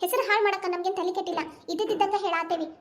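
A voice artist doing a shrill, defiant young sister. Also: fairly even intonation, racing. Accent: North Karnataka Kannada. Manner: insistent, arguing back.

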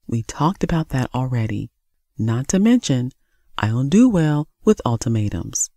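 A man's voice: mid-range voice, sing-song, moderate pace, mellow, dry recording, clean studio sound. A narrator voicing a drunk, dismissive young man who drawls in slangy, defiant speech in an audiobook. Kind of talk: audiobook character voice.

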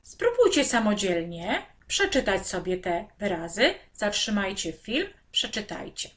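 A woman teacher walks young children through a reading lesson, pronouncing syllables slowly and with great care. Her pitch is mid-range and moves a lot, rising and falling to hold their attention. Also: very animated, fairly bright tone. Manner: slow, clearly articulated, speaking to children. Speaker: primary school teacher.

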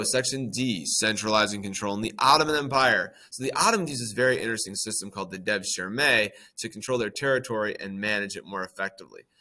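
A man's voice: medium pitch, sharp tone. A man teaching a history lesson in a casual, conversational way, with frequent ums and playful acted-out quotes. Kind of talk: casual lecture.

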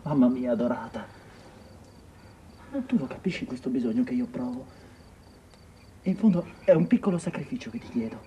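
An actor playing a tormented young man in a 1980s TV drama, pleading with his mother, bitter and impassioned, swinging between hushed tones and outbursts. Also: medium pitch, normal speed, pauses often, a little hiss or hum, close to an everyday voice.

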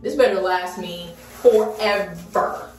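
Young woman vlogger, unhurried and excitable, recorded a bit off-mic in a room with faint music behind. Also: lowish voice, recorded from a distance. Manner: excitable, dramatic exclamations. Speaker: beauty vlogger. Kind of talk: casual vlog chat. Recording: roomy, mic set back, faint music.

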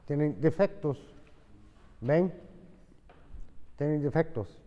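A man's voice: a little high, animated, takes it slowly, warm tone, big-room sound, muffled recording. A man teaching English to a class in Spanish, explaining patiently and mixing in English examples.

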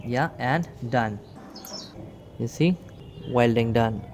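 A man's voice: medium pitch, slow pace, a little mellow, a little hiss or hum. A man giving a hands-on product demonstration outdoors, talking viewers through each step and calling them "guys". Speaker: electronics video host. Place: outdoor table beside plants.

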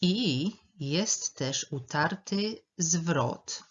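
A woman leads an English lesson, going word by word and saying each one twice. Her voice is a little husky and she speaks slowly. The recording sounds dull and lo-fi. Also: low voice, animated. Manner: slow, careful, repeats words for pronunciation. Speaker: English teacher. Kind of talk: language lesson.

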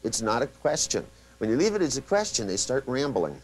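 Lively, animated male seminar trainer. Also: medium pitch, brisk, a little hiss or hum, low-quality recording. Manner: animated storyteller who acts out quotes; many restarts and asides. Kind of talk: live seminar lecture.

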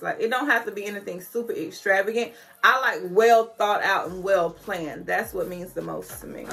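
A slightly tipsy woman in her thirties chatting casually to camera at home, loose and candid, with expressive, colloquial dramatic emphasis. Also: fairly high pitch. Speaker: vlogger answering questions. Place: small decorated room at home, indoors.

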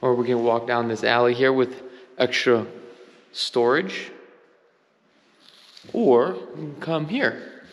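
A real estate agent with a medium-pitched voice films a house for sale on a handheld camera, giving a casual, enthusiastic walkthrough that points out details. He takes it slowly, pausing often. The lo-fi sound carries long reverb from the large, bare, empty rooms.

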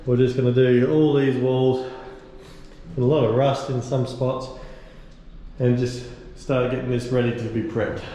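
Recorded in an echoey steel boat hull being restored, with background noise, a boat restorer and vlogger in his thirties talks casually through his repairs, thinking aloud. His medium-pitched, mellow voice is level and a little slow, pausing often.

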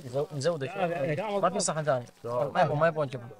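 A man's voice: a little high, rapid-fire. A man with a Gulf Arabic accent in casual banter, insistently repeating short phrases. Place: outdoors at a desert camp. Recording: busy group chatter around.

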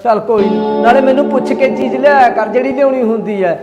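A man's voice: extremely high pitch, quick pace, highs cut off. A man playing a mild grumbling old father. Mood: grumbling gently. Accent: Malwai Punjabi. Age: older. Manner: soft-spoken, gently complaining. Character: elderly father-in-law, mild and peace-making. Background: music.

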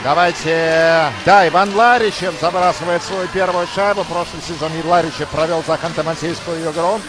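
A man doing live hockey commentary as a play-by-play announcer, emphatic and excited in his goal calls. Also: fairly high pitch, moderate pace.

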